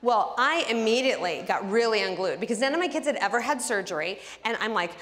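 A woman with a somewhat high voice teaches a Bible lesson through a personal story. She tells it with animation and acts out each bit of dialogue. Her voice carries a long reverb tail, as if recorded in a large hall. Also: lively intonation, fast talker, fairly bright tone.

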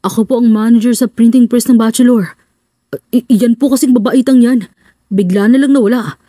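A woman's voice: a little fast, mellow, no echo, clean studio sound, lightly acted. A woman voicing an effeminate, bossy male print-shop manager who scolds and then fawns, in an audiobook. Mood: fawning. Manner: shrill, scolding, then fawning.

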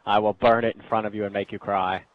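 A man's voice: fairly low pitch, little pitch movement, fast, slight background noise. A man chatting casually while gaming, cracking crude sarcastic jokes and ranting with his friends. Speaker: gamer co-host. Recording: dull lo-fi capture.

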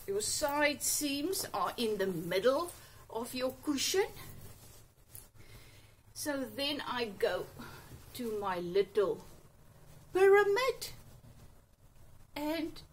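An upbeat sewing channel host with an Afrikaans accent speaks high and lively, chatty and full of little exclamations, in a casual sewing tutorial. She's in a cluttered home sewing room, recorded by a camera on a table a few feet away, with slight background noise.

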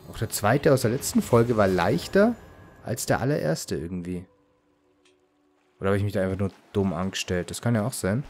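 A man casually commenting on his gameplay as a let's play host, relaxed and often muttering asides to himself. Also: on the low side, moderate pace.

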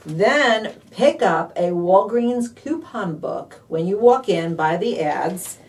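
A woman hosting a live-streamed couponing deals rundown, bubbly and excitable, with lots of fillers. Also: mid-range voice, slow, far from the mic. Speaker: couponing show host.

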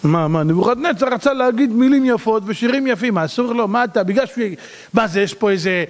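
A male rabbi telling a story in a sermon, animated and full of rhetorical questions. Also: sits high, big-room sound.

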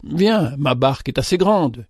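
A man playing a gentle stranger captain who urges others to sail with him, in an imploring manner. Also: a little high, expressive, a little slow, slightly rough, dry recording, studio quality. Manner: urgent, imploring. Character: pleading stranger, a gentle male ship captain.

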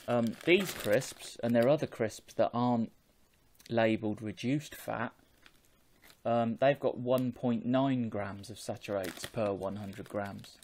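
A man, talking in a measured, explanatory way as a vlogger chatting casually on an earphone microphone at home. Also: mid-range voice. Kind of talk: casual chat to camera. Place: small home room with bookshelves.

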